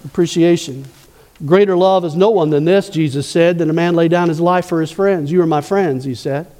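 High-voiced man preaching a sermon. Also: moderate pace, mellow, in a large hall. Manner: preaching with rhetorical questions to the congregation. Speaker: pastor.

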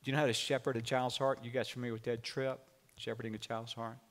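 A man's voice: medium pitch, fast. Folksy preacher man. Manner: folksy storytelling preacher, lively delivery. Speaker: pastor. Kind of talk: sermon.

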